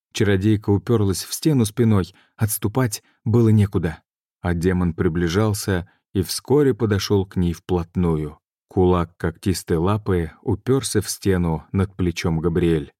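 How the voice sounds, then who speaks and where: Man reading an audiobook, slow and deliberate, deep dark voice, dry sound. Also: no echo. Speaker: audiobook narrator. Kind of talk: scripted narration.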